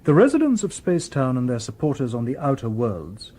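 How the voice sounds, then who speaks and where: A man with a mid-range voice plays a humanoid robot detective in a radio drama, speaking fairly quickly. The character is calm and courteous, with precise, formal phrasing.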